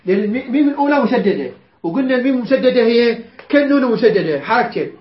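A man teaching a Quran recitation lesson, chanting verses slowly and quizzing his students. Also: extremely high pitch, animated. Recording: roomy, dull lo-fi recording.

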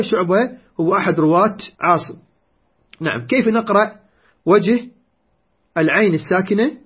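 A man teaching Quran recitation variants, speaking slowly and deliberately and repeating key words. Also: high-pitched, slightly rough. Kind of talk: explanatory lesson on recitation variants. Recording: dull lo-fi recording.

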